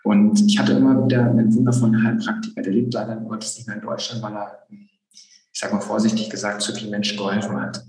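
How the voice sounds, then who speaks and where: A man's voice: fairly low pitch, little pitch movement, a little fast, a little mellow, soft background music. A young man telling his personal story in an interview, earnest and reflective, with many fillers. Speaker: guest. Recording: roomy echo.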